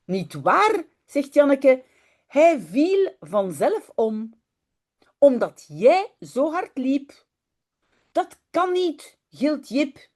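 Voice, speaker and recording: A Dutch woman teacher reads a children's story aloud slowly and very lively, shifting character voices, with a very animated pitch. Between readings she explains things in a quick, chatty way.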